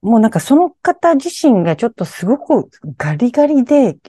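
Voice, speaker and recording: A woman's voice: a little high, sing-song, a little fast, mellow, husky, no room sound, clean studio sound. A woman telling her own strange, eerie experiences in conversation, animatedly acting out her startled reactions.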